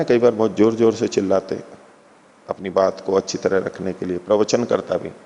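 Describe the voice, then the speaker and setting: A man's voice: on the low side, creaky, dark tone, big-room sound. A man giving an explanatory lecture on a philosophy text as a scripture teacher, patiently repeating and unpacking each term.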